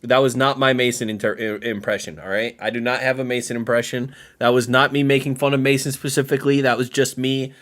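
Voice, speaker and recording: A man's voice: mid-range voice, little pitch movement, fast talker, hardly any pauses, a bit bright. Blunt casual male reaction host. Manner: blunt, dismissive, laughs a lot.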